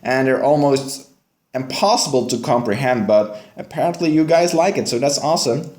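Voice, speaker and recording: In an echoey room, a young Belgian man with a West Flemish accent streams a mobile game and keeps up a chatty, casual commentary, responding to viewer chat as he goes. His voice sits at medium pitch with a somewhat dark tone, and he talks at a normal speed.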